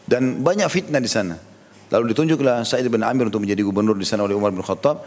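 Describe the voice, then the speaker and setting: A man's voice: lowish voice, fast talker. Guy preaching a story sermon, jokes around a bit, echoey hall sound. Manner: lively retelling with acted quotes and light jokes.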